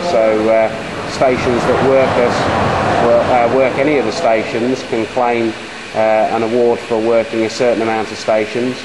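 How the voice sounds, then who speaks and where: A man chatting in a rambling way as an amateur radio operator during a radio contact. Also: medium pitch. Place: working pumping station beam room. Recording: clear background noise from machinery room.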